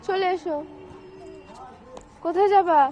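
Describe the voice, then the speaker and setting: A woman's voice: very high voice, fairly even intonation, unhurried, dull audio. A woman talking to her toddler at home, coaxing him in playful baby talk.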